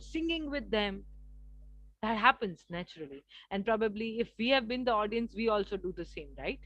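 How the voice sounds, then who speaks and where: A woman with an Indian English accent leads a communication workshop, her voice a little high and recorded dry and close. She talks expressively and acts out contrasting voices for her examples, as if speaking to an online session. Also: a bit bright, no room sound, poor audio. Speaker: communication trainer. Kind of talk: live workshop lecture.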